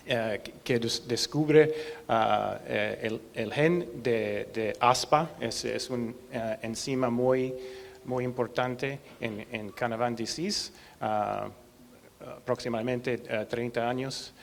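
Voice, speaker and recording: A man from the United States with an American accent, a native English speaker, giving a presentation haltingly and hesitantly, searching for words in his second language. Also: mid-range voice, vocal fry. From United States, Seattle. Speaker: researcher presenting a clinical trial. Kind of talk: presentation talk. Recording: hollow reverberant hall, faint noise.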